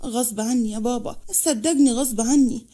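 A woman's voice: high voice, rapid-fire, warm tone. A woman voicing a tearful lovesick young woman. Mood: sad, pleading. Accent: Egyptian Arabic. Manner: pleading.

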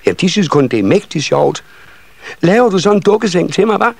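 A man reading a children's story and voicing a bunch of excited little elf children in a shrill, eager voice. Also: gravelly, slightly rough, heavily acted. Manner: shrill, eager, tumbling over each other.

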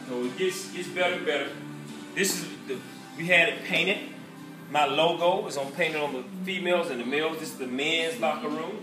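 Touring his gym with a following handheld camera, a middle-aged man with a Southern US accent brags in a casual, upbeat salesman manner, his voice fairly high. The indoor rooms echo, music plays in the gym, and the camera audio sounds distant.

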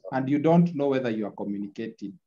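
Heard via a screen-recorded video call with the highs cut off, a man lectures an online class, going over his points repeatedly and tacking "eh?" onto them to check in. His mid-range voice is dark and animated, and he talks fast.

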